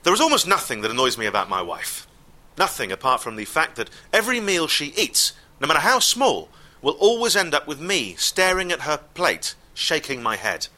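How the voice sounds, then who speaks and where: A man telling a comic story live, wry and exasperated, with deadpan asides. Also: a little high, moderate pace, few pauses.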